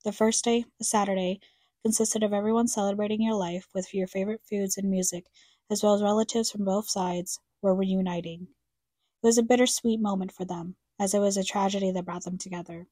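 Mellow somber woman narrating. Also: medium pitch, steady tone, a little fast, no echo, clean studio sound. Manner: somber, reflective, addressing her late mother. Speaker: podcast co-host narrator. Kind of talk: scripted personal narration.

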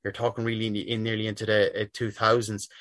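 A man's voice: fairly low pitch, completely flat delivery, fast talker, fairly bright tone, no echo, studio quality. A middle-aged man with a west of Ireland accent talking casually and chattily in an interview, often circling back and restarting his phrases. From Sligo, west of Ireland. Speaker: interview guest, football jersey collector.

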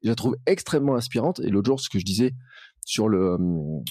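A man chatting on a podcast in a lively, familiar way. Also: fairly low pitch, a little fast, no echo, clean studio sound. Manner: chatty, lively, many "tu vois". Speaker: podcast host. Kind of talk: casual podcast conversation.

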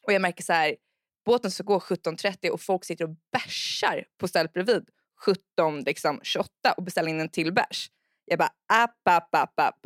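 A woman's voice: on the low side, dry recording, studio quality. A young woman co-hosting a casual podcast chat, telling stories with frank swearing and acted-out quotes. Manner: animated storyteller who acts out loud quotes. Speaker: podcast co-host.

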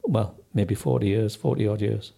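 Mellow man with softened Sunderland accent. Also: fairly low pitch, moderate pace, creaky. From North East England, Sunderland area. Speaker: interview guest. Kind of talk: casual recollection in an interview.

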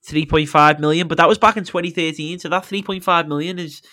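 Brief: man, podcast host, slightly high voice, chatty, quick to laugh, quizzing his co-host. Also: fairly even intonation, pushed and bright. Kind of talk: casual football podcast chat.

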